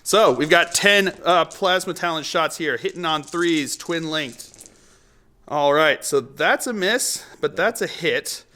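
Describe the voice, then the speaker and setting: Slowly and casually, a bright, high-voiced man narrates a tabletop battle as its host and a player, announcing the dice results. Frequent laughter and excited whoops break in whenever the rolls shift.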